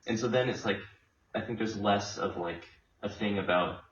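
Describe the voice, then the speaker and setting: Brief: young American man, low voice, rambling casual talk, dull far-off roomy recording. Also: normal speed. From Los Angeles, USA. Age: young adult. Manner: rambling, many likes and restarts. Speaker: interviewed student. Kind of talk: casual chat. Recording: roomy, distant, dull, faint noise.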